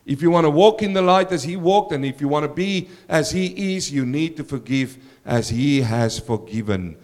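A male pastor delivers a sermon in a somewhat high, croaky voice. He speaks straight to his congregation, posing rhetorical questions and pressing them with direct appeals. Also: lively intonation, moderate pace, a little mellow.

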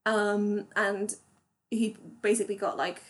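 A woman co-hosting a podcast in casual chat, talking fast and loose with many fillers and restarts. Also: medium pitch, flat delivery. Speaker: podcast co-host.

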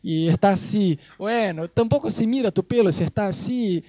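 High-voiced joking preacher man. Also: normal speed, no echo. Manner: animated, joking storyteller. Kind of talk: sermon with personal anecdotes.

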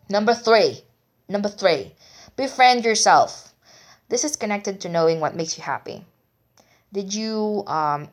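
A young woman talks alone into her podcast mic, low in pitch and candid. She rambles and teases herself as she goes. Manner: candid, rambling and self-mocking. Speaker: podcast host. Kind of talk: solo podcast monologue.

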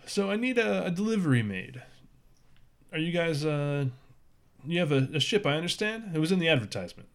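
A man's voice: fairly high pitch, very animated, brisk, pitched above the performer's own voice. A burly alien huckster in a cheap, greasy suit, all smiles and upbeat sales patter, as a man puts him on. His voice sits a bit above a man's usual talk and bounces with salesy cheer.

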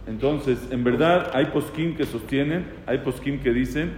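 A rabbi teaching a casual lesson on prayer law, talking conversationally, asking questions and quoting prayers aloud. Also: male voice, mid-range voice, a little slow, darkish tone, slight background noise. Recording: echoey hall with faint ambience.

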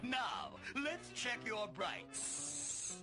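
An actor voicing a brisk, clinical male doctor car in a 1970s cartoon. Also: sits high, soft background music, exaggerated voice. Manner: bright, lively cartoon delivery.

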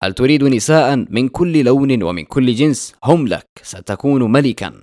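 Booming devil tempter, male, mocking and menacing, read by a man in a dry, close recording at a middling pitch. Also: expressive, normal speed, no room sound, lightly acted. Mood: tempting. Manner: loud and booming. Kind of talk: dramatic storytelling.

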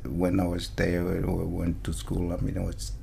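A man from Zimbabwe with a low, gravelly voice speaks as a podcast guest. He explains in a measured, halting way, and his pitch barely moves. A faint hiss sits under the recording. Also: completely flat delivery, dark tone. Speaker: guest artist. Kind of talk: podcast interview.

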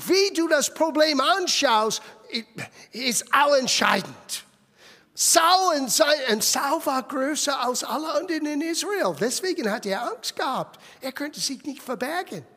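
A man preaching a sermon as lively storytelling, dropping English phrases into his German and bursting into loud exclamations. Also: very high-pitched, a little slow. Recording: long echoey hall reverb.

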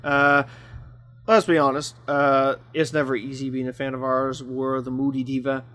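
A man's voice: mid-range voice, level tone, normal speed, bright, forceful tone. A man from the American Midwest hosting a casual soccer fan podcast, rambling with many fillers and restarts. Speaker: podcast host.

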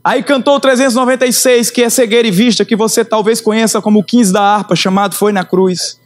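A middle-aged man, preaching his conversion testimony with emotional storytelling that swings in pitch and slows for emphasis. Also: steady tone. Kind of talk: sermon testimony.

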